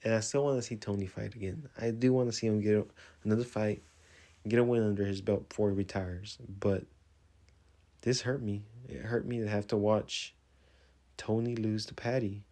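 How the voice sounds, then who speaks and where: Low-voiced guy doing a chatty fight recap. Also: steady tone, moderate pace, mellow. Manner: chatty and loose, lots of "like", openly fannish. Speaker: sports vlogger. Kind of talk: casual fight recap commentary.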